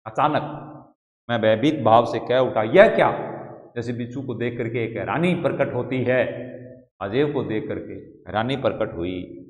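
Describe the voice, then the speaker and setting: A man's voice: medium pitch, a little slow. A male Hindi teacher with a Rajasthani accent, reading a story aloud to his class and stopping to explain words to the students. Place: school classroom. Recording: echoey classroom, dull lo-fi sound.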